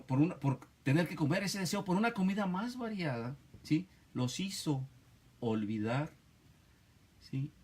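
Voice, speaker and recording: A man's voice: fairly high pitch, a little mellow, slightly rough. Emphatic male preacher with constant tag questions. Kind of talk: Bible study sermon.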